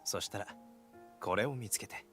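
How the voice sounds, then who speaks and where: An actor playing a tender young man who acts as a protective older brother, speaking gently and affectionately in a game scene. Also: on the low side, quick pace, over music, natural voice. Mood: easygoing. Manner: gentle, affectionate, quietly teasing. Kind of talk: game voice acting.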